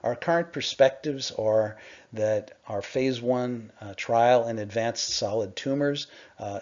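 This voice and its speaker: Middle-aged male executive, mid pitch, measured delivery with filler pauses, muffled conference call line. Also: a little mellow. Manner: measured, explanatory, with frequent "uh" pauses. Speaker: company executive presenting to investors. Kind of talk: scripted investor presentation. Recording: dull lo-fi conference call audio.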